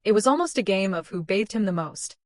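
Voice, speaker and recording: A woman giving scripted first-person narration of a story in an even, measured way. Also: medium pitch, dry recording, studio quality.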